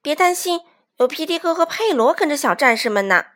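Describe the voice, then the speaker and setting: A woman voicing a calm, brave mother hen who reassures and directs the others in a storybook reading. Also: high-pitched, brisk, voice pushed up. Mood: reassuring. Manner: reassuring, commanding.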